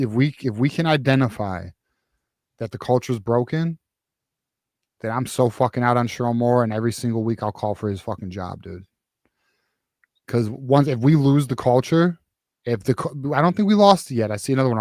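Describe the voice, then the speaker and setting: A man's voice: mid-range voice, fairly quick, darkish tone, no echo, clean studio sound. Heated, profane sports-talk man. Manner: profane, heated, rambling with many restarts. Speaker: podcast host. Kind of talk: casual sports postgame chat.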